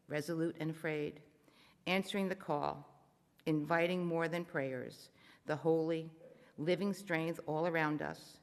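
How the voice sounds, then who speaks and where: A worship reader reading a modern psalm aloud in church, steady and solemn. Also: medium pitch. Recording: long reverb of a church sanctuary.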